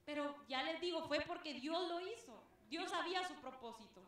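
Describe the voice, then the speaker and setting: A woman's voice: high-pitched, normal speed, a bit bright. A woman from Guatemala giving an emotional church testimony, fervently addressing the congregation as beloved brethren. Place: church hall. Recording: very echoey church hall.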